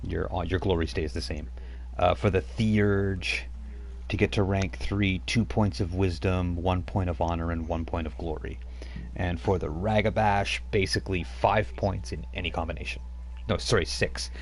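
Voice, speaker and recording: Over a streaming mic, a male game master runs a tabletop role-playing game, narrating scenes and patiently explaining the rules, stopping now and then to check his notes. His voice is low-pitched with fairly even intonation at a normal speed.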